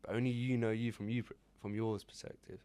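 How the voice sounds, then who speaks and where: A man in his twenties co-hosts a podcast, offering earnest, reflective advice in casual chat and dropping fillers like "you know." His voice is fairly low and clean with a warm tone, delivered briskly and flatly.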